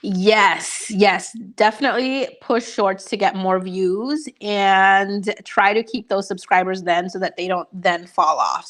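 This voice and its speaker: A young Honduran woman with a mid-range, slightly bright voice chats casually on a livestream. As a YouTuber she answers viewers' questions in an upbeat way, full of fillers.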